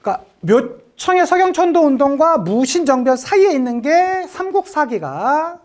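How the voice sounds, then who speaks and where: A woman's voice: high voice, very animated, moderate pace, a little mellow. A woman teaching an exam-prep history lecture, chatty and joking, often acting out little quotes.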